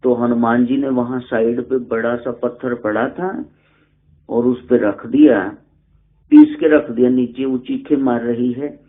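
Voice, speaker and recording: Slow spiritual storyteller man. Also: medium pitch. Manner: animated storyteller, acting out voices. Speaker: spiritual teacher. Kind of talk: religious storytelling discourse. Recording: tinny lo-fi phone-like recording.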